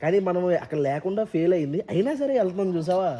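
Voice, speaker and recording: A young man races through his words in a high, mellow voice while vlogging his trip on a handheld phone, teasing his friends as he goes. The casual chat happens outdoors and in transit, through airports and streets, with noisy street and traffic sound around him.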